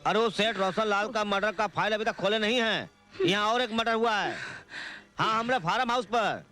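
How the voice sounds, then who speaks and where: A crude politician. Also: male voice, high voice, moderate pace, bright, forceful tone, soft background music. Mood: bossy. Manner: boastful, bossy, rustic speech. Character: crude lecherous middle-aged male politician. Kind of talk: Hindi film dialogue.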